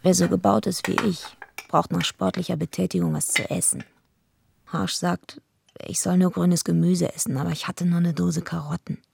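An actress playing a tough, surly wrestling villainess who tells her own story in a radio play, blunt and deadpan, with a raspy, gravelly voice. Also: fairly low pitch, moderate pace, slight background noise. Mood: brooding, confiding. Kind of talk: first-person radio play narration.

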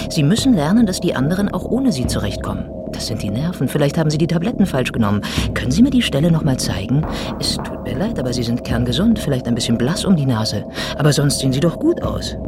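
A woman voicing a dismissive doctor in a curt, patronizing tone. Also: deep voice.

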